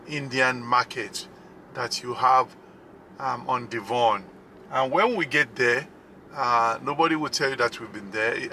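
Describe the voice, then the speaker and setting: A man giving a casual, unscripted tour commentary from inside a moving car, speaking haltingly with frequent pauses. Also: mid-range voice, pushed and bright. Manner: halting, hesitant, pausing often. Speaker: vlogger, driving tour host. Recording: road and car noise. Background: faint vehicle noise.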